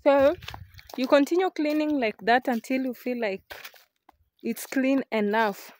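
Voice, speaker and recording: A woman's voice: high voice, unhurried, a little mellow. Chatty young woman vlogging outdoors. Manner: chatty, walks while showing the farm. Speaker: village life vlogger. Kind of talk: casual vlog narration. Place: outdoors on a rural farm. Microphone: phone camera held at arm's length.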